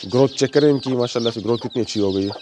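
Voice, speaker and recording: A hoarse man, a poultry breeder chatting casually through a walkthrough and coaxing his birds. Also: mid-range voice, very fast. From Pakistan. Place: outdoor yard by chicken cages. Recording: noisy outdoor recording with chickens. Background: clucking chickens.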